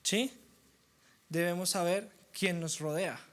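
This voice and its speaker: A young man preaching a sermon, animated and acting out the voices of doubters. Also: sits high, takes it slowly. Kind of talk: sermon teaching.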